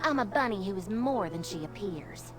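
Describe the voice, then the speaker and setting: A woman's voice: medium pitch, expressive, normal speed, over music, close to an everyday voice. An actress voicing a sweet, sassy female dust bunny in a video game, with a Southern American drawl and a habit of calling people honey. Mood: folksy.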